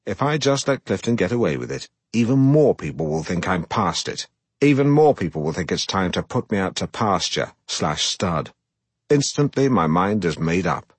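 Middle-aged male narrator, low husky voice, deadpan and self-important comic audiobook read. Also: moderate pace, dry recording.

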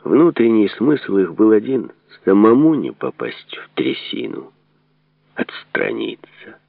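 Deep gravelly male audiobook narrator. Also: sing-song, a little slow, dry recording. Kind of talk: audiobook reading. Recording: dry phone-like narrow sound.

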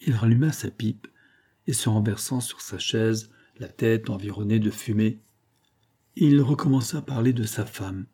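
A male audiobook narrator reading a nineteenth-century novel in a measured, even manner. His voice sits low and sounds dark and mellow. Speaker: audiobook reader.

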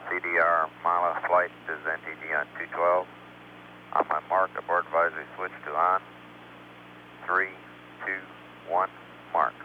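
A man's voice: deep voice, little pitch movement, a little slow, long pauses. A man acting as launch test conductor, making terse procedural calls over a radio loop. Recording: narrow phone-like radio loop, faint noise.

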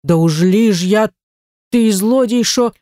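A sullen, self-pitying old labourer with a Ukrainian accent, as the reader puts him on, swearing hoarse oaths that he is innocent. The storybook reading is dry and close. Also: high voice, slow pace, dark tone, no room sound. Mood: aggrieved protesting. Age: older. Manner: protesting, hoarse, oath-swearing.

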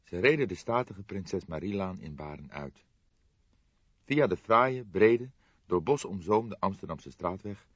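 A man reading a detective audiobook in a measured, steady manner. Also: deep voice, breathy edge, no echo, highs cut off. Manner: measured, steady storytelling with calm dialogue. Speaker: audiobook narrator. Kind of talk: scripted narration.

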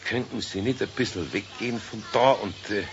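In a children's radio play, an actor takes the role of a good-natured, flustered older craftsman with a Bavarian accent, hesitant, muttering, awkward and evasive. His voice is on the low side at a moderate pace, only lightly acted, on a dull 1970s radio recording with faint noise.

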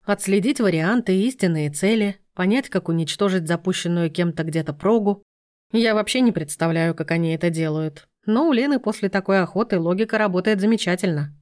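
A woman's voice: fairly low pitch, fairly quick, a little mellow, natural voice. Woman reading sarcastic young man, teasing, good-humoured, audiobook character. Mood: explaining.

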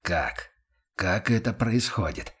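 A man reading an audiobook, voicing a weary, guarded young man who speaks low and restrained. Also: sing-song, normal speed, a little mellow, breathy edge. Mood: hushed. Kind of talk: audiobook character voice.

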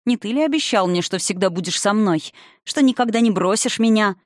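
A man's voice: high-pitched, brisk, no echo, studio quality, natural voice. A reader voicing an irritable young silver dragon man. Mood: bitter. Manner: sarcastic, snapping. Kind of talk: audiobook character reading.

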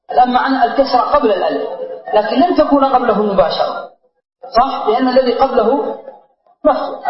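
A man teaching a grammar lesson in a very high voice, stopping to ask his listeners questions and stretching out each quoted verse. His voice rings through a large hall with a long tail of reverb. The recording is dull and lo-fi. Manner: repeats key phrases, asks the class questions; drawn-out recitation of verse quotes. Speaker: sheikh teaching Arabic grammar. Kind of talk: classroom lesson explaining verse. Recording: roomy hall, dull lo-fi sound.

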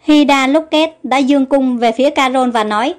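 A woman narrating a storybook, reading every character's lines herself in a mostly even voice. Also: sits high, normal speed, faint music behind. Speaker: audiobook narrator.

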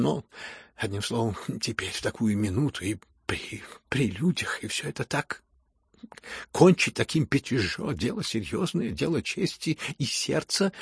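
A man reading an audiobook and voicing an older gentleman who tells a regretful tale and stammers when flustered. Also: mid-range voice, big pitch swings, moderate pace, creaky, slightly rough, dry recording, clean studio sound, exaggerated voice. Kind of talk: audiobook character voice.

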